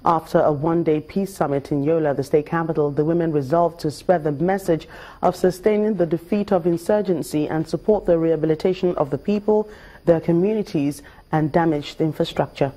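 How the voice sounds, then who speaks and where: A woman's voice: sits low, a little fast, dark tone, low-quality recording. A woman presenting scripted news as the programme's newsreader.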